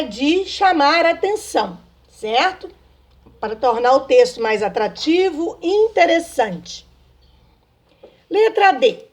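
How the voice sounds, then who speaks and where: Slow high-voiced woman teacher. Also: a little mellow. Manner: slow, patient, sing-song teacher talk with frequent checks. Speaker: primary school teacher. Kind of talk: remote lesson to children.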